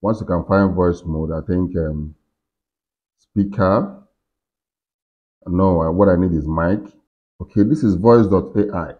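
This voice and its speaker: A middle-aged man with a deep voice walks through software step by step in a screen-recorded tutorial, seated at a computer desk indoors. He speaks at a measured pace with long pauses, many fillers and restarts, and the lo-fi recording sounds dull.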